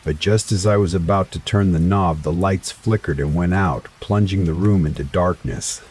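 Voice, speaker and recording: A man narrating a first-person horror story in a slow, dramatic scripted style. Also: low voice, darkish tone, breathy edge. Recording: faint rain sounds behind voice. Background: rain ambience.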